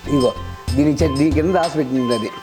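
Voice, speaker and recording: A young man with a high, quick voice hosts a casual prank vlog from his home. He is excitable and rattles off repeated words in rapid bursts, with music playing underneath. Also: low-quality recording. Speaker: prank video host. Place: at home indoors.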